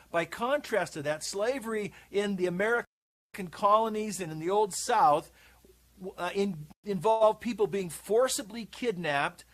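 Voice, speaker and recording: High-voiced man giving a measured lecture. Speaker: bible teacher in a played video. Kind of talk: explanatory lecture.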